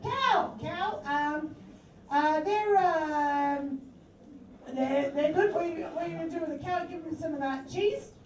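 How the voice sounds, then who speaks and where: Onstage at a live comedy venue, a woman playfully improvises as a cheerful animal tooth fairy, rambling with plenty of fillers. She speaks high-pitched and unhurried; the far-mic recording is muffled and echoey, with a loud crowd and background noise.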